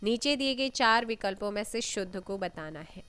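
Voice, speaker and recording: A woman teaching an exam-prep lesson, reading out questions and giving answers, often clearing her throat. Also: medium pitch, animated, a bit bright. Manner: unhurried, reads questions then gives answers, frequent throat clearing.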